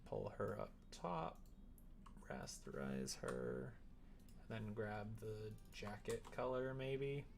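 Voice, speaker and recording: Speaking slowly, with big swings in pitch from a voice on the low side, this man chats as a streamer. He wanders and thinks out loud while he works through a tutorial. The recording is clear, with keyboard typing and some background noise.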